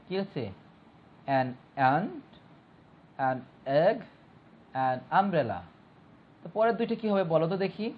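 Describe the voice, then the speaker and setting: A male teacher giving a step-by-step grammar lesson, repeating rules and putting questions to his students. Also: on the high side. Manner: explains step by step, repeats points and asks the class questions. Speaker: school teacher. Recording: dull lo-fi recording with faint mains hum.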